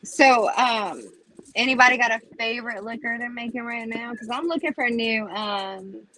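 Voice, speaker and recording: A woman's voice: a little high, normal speed, sharp tone, slight background noise, poor audio. A woman, chatting casually in an outspoken, slangy way. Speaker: beginner moonshiner. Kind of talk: casual chat.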